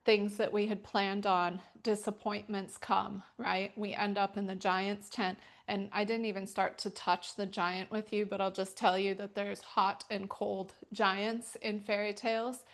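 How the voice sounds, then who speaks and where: Woman talking casually with a flat pitch. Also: measured pace, few pauses. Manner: rambling, many fillers like um and like. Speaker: yoga teacher and storyteller. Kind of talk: casual teaching talk. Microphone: wearing a microphone.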